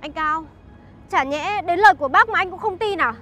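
A young actress playing a sly young woman who flatters an older mother. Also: very high voice, moderate pace, soft background music. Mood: indignant. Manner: sweet-talking, flattering, sharp when accusing.

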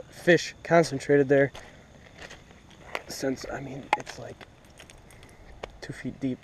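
A man's voice: medium pitch, slight background noise. A young man filming himself fishing from a lakeshore, chatting casually with lots of fillers. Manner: relaxed, rambling with fillers. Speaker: fishing vlogger. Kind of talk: casual outdoor commentary. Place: lakeshore outdoors. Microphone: head-mounted action camera.

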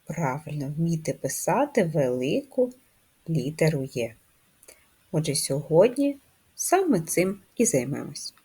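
Slow, husky-voiced woman teaching first graders. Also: deep voice, big pitch swings, warm tone. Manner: slow, patient, clearly articulated instructions. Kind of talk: handwriting lesson for young children.

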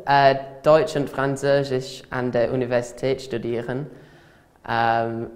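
A man's voice: medium pitch, little pitch movement, a little slow. A teenage boy from England, a student speaking German as a learner in a classroom, hesitant with many fillers. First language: English. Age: teens. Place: classroom, indoors.

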